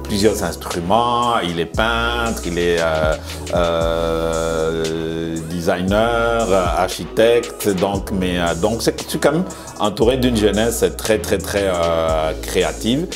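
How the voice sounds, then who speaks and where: A man in his fifties, a museum director, speaking haltingly in a conversational interview. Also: low voice, music in the background. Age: 50s. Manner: hesitant, halting with many pauses and repeated words. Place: museum in Montreal.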